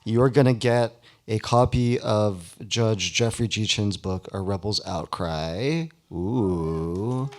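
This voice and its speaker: A man casually hosts a live awards ceremony before an audience, trading playful banter in an informal style. His voice is on the low side, slow and a little mellow.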